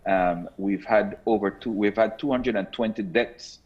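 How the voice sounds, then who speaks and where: A man with a low, husky voice comes through a buzzy, glitchy call line that sounds muffled and lo-fi. He speaks in a measured, earnest way, with many ums and restarts. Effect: buzzy, glitchy remote call audio that cuts out. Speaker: government health minister. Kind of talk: live interview over a remote call.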